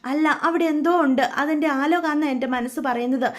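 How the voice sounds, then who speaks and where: A woman's voice: high voice, fast talker, close to an everyday voice. A woman voicing a worried middle-aged mother who insists and pleads in a retold family drama. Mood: anxious. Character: anxious middle-aged mother fearing for son.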